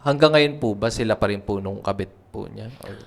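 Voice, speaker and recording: Guy interviewer, deepish voice, really polite, rambly questions. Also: a little fast, creaky. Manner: polite, uses "po", long winding questions.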